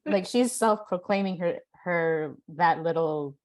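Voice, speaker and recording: A woman with a low voice chats on a podcast, pausing and restarting as she gathers her thoughts. Her talk is casual and tentative. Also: darkish tone. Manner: hesitant, halting with "um" and "like".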